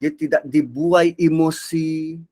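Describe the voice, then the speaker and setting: Male religious teacher, fairly high voice, expressive lecture delivery. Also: slow pace. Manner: expressive, acts out quotes, shifts between soft and loud. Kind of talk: Quran reflection lecture.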